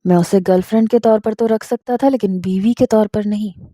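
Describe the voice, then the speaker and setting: Mellow woman narrating a love story. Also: mid-range voice, fairly even intonation, no echo, studio quality. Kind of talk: scripted first-person narration.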